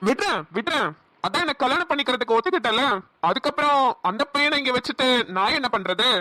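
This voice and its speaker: This is a spiteful young villain in a cartoon, who taunts and drawls his threats. He speaks with a Namakkal Tamil accent. His voice is bright and cutting, recorded dry and close. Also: sits high, expressive, fast talker, no room sound. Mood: sneering.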